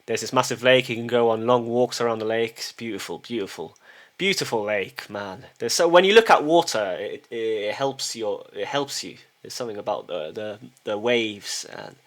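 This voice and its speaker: A middle-aged vlogger from a small town talks casually to the camera in a loose monologue, his voice lowish and his pace moderate. He hesitates, repeats words as he restarts, and keeps checking in with a questioning "yes?".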